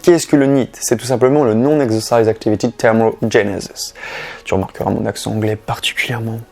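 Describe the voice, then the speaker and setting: A young Frenchman chats casually straight to the camera, handing out diet and training tips in a friendly, blunt way. His voice sits in an ordinary middle pitch. Faint music plays underneath. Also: quick pace, vocal fry, darkish tone, breathy edge. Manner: chatty, direct, addresses viewer informally. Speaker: fitness youtuber.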